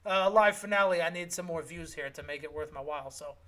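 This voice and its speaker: Young male podcast co-host, high voice, loose joking banter. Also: quick pace, pushed and bright. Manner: joking, rambling, self-correcting. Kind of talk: casual chat.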